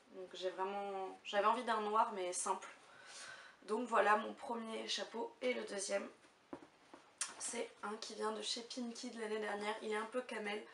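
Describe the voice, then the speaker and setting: A young woman vlogging casually to camera, chatty and hesitant, with lots of fillers. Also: mid-range voice. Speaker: beauty vlogger. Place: room at home. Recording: echoey room, mic far off, faint hiss.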